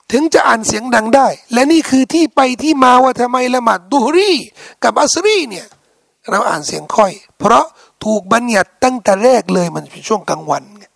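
A man preaching an Islamic lecture, telling the story in a colloquial, animated way and putting rhetorical questions to his listeners. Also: very high-pitched, vocal fry, dry recording, studio quality.

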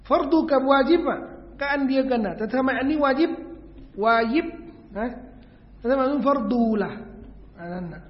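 High-voiced man teaching in an echoey hall. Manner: explains patiently, repeats words to drill pronunciation; asks rhetorical questions of listeners. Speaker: Islamic religious teacher. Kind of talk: hadith lesson on Arabic pronunciation. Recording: echoey hall, dull lo-fi sound.

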